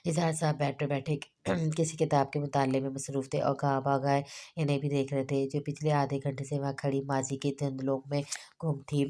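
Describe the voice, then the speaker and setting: A woman narrates a novel at a measured pace. Her voice is low and dark, with a flat, steady line and little melody. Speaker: audiobook narrator. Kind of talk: novel reading.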